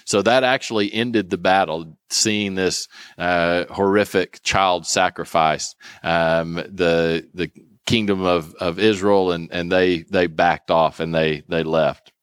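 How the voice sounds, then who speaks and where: A man's voice: deep voice, fairly even intonation, slow, smooth, dry recording, clean studio sound. A man casually retelling Bible stories as a lesson, hesitant, with many ums and restarts. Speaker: Bible study teacher.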